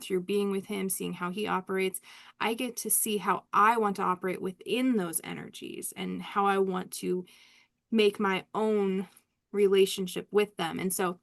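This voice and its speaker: A woman's voice: medium pitch, creaky, a bit bright. Woman reader, casual live chat, rambling, candid, laughs a lot. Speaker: spiritual reader hosting a live session.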